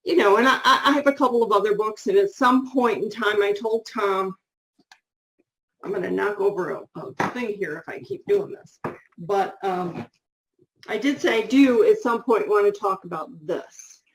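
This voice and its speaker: Middle-aged woman cohosting a book show, chatty, trails off and restarts a lot, normal pitch. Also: moderate pace, rough recording. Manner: chatty, frequent restarts and asides. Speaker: co-host. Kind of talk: casual chat about books.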